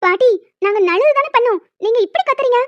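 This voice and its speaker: A woman's voice: extremely high pitch, lively intonation, fast, a bit bright, no room sound, lo-fi sound, voice pushed up. A woman doing chatty, cheeky cartoon schoolgirls. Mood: explaining. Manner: chatty, teasing. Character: cheeky schoolgirls in a hostel group.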